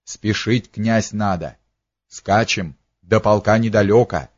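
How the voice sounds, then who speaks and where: A loyal servant talks in short, folksy bursts, read by a man. His voice is low and the sound dull and dry. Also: slow, dry recording. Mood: urgent. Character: loyal quick-witted male servant.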